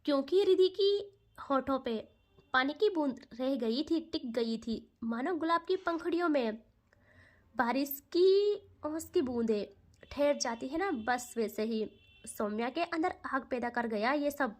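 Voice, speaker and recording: A woman telling a romantic love story aloud, with a high voice. She narrates softly, with emotion and dramatic flair. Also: lively intonation, a little slow.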